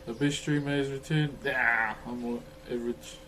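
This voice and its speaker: A livestreamer with a broad Kiwi accent chats casually as he welcomes his viewers, laid-back and full of mate-ish slang. His medium-pitched voice is steady, pushed and bright, at a normal speed. Noticeable noise runs in the background.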